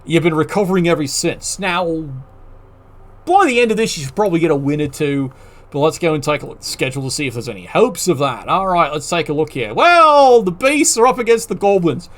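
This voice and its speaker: A man with a high-pitched voice runs through a league roundup in an easygoing, chatty way. His delivery is sardonic and peppered with profane ribbing of the coaches. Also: animated, fast. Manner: sardonic, profane trash-talking banter. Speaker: league commentator. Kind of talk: casual league roundup commentary.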